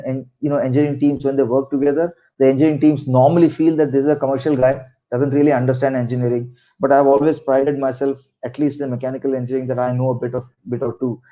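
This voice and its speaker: A man's voice: medium pitch, warm tone, highs cut off. A middle-aged man with a Marathi Indian accent, giving career advice through anecdotes in an emphatic, conversational way, repeating phrases for stress. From Maharashtra, India. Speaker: interview guest, senior corporate executive.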